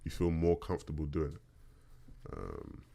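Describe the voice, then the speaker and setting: A man with a deep bass voice hosting a podcast, casually answering listener questions and often checking in conversationally as he talks. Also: sing-song, measured pace, gravelly, warm tone, slightly rough. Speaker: podcast host.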